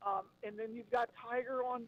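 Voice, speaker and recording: This man, a sports radio co-host, has a very high-pitched voice with a steady tone and normal speed. He stammers and repeats words as he starts, making casual sports talk on a dull phone line with buzzy, glitchy audio that breaks up. He's outdoors or in a car while rain pours down.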